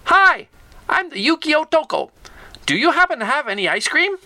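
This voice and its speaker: A man voicing a cheerful little snow creature in a storybook tale, in a high eager voice. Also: very animated, moderate pace, sharp tone, no room sound, exaggerated voice.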